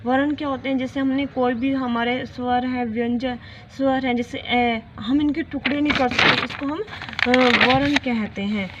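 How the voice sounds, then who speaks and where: A woman with a somewhat high voice gives a grammar lesson for young children. She explains slowly and repeats each question and example. The recording is dull and lo-fi, with plainly audible noise behind her. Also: steady tone. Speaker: teacher.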